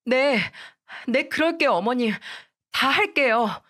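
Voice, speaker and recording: A woman's voice: high voice, lively intonation, slow pace, a bit bright, voice pushed up, heavily acted. Woman voicing a begging young daughter-in-law. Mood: pleading. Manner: pleading, begging. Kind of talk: radio story acting.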